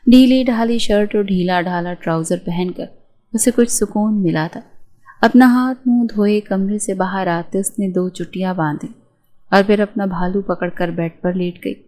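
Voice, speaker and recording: A woman narrating a romance novel aloud at a steady, measured pace. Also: medium pitch. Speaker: audiobook narrator.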